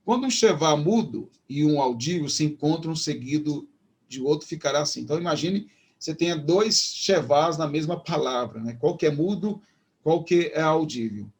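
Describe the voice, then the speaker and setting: Husky-voiced Brazilian man teaching a lesson. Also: fairly high pitch, lively intonation, darkish tone. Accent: Brazilian Portuguese. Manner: explanatory, with many fillers and restarts; slows down to pronounce Hebrew words. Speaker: Hebrew teacher. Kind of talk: online lecture.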